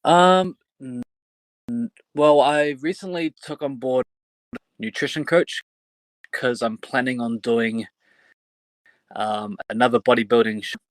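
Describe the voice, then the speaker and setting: A man talks casually in an interview as a pro wrestler. His delivery is slow and halting, with phrases built piece by piece in an ordinary male register. The sound is dry, with little room to it. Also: medium pitch, dry recording, poor audio. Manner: halting, fragmented phrasing, some casual swearing. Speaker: professional wrestler being interviewed.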